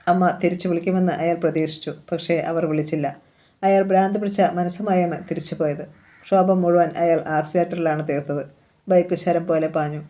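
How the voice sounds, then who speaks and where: A storyteller reading a novel aloud at an unhurried pace. The voice is mellow and dark rather than bright, with a middle pitch.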